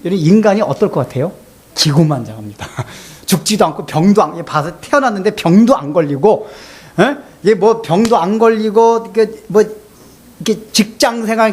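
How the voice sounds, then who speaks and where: A middle-aged man, a pastor, preaching a sermon in an animated way, often repeating words as he starts a phrase and acting out quoted voices. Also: sits high, breathy edge. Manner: animated, acts out quoted voices of father and son.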